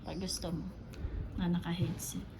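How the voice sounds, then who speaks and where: A woman with a Filipino accent, a vlogger who unboxes and tests gadgets, chats casually while demonstrating a gadget hands-on. Her voice is lowish with little pitch movement, at normal speed. Noisy background ambience is clearly audible.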